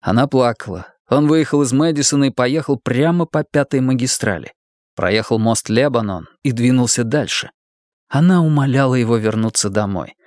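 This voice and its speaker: A man reading an audiobook novel aloud in measured, scripted narration. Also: mid-range voice, darkish tone, no room sound, clean studio sound.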